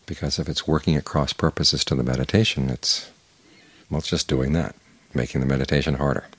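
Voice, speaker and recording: An older man, a Buddhist monk, giving a calm, measured evening Dhamma talk with unhurried pauses and a husky voice. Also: extremely low pitch, no echo.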